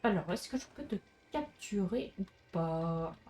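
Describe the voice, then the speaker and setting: A woman's voice: fairly low pitch, animated, measured pace, dark tone. French woman, let's play commentator, chatty, talks to her game characters, faint music behind. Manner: chatty, talks to the creatures on screen. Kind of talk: casual gameplay commentary.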